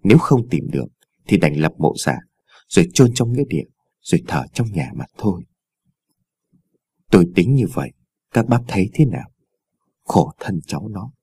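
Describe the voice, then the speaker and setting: A man voicing a sorrowful older family elder in a ghost story, speaking low and subdued. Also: mellow, husky, dry recording, exaggerated voice. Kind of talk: storytelling voice acting.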